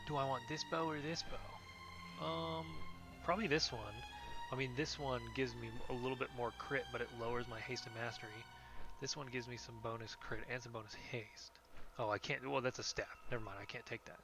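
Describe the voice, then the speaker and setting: A man's voice: mid-range voice, fairly even intonation, fairly quick. Joking male streamer over game music. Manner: joking, swears, reads quest text aloud. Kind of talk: casual gameplay commentary.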